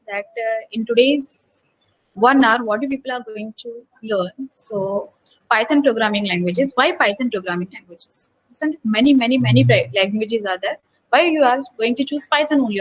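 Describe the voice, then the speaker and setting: An associate professor from Gujarat, India, gives an online workshop lecture, putting rhetorical questions to her listeners in an earnest, teacherly tone. Her voice is fairly high and her pace moderate, and the recording sounds muffled.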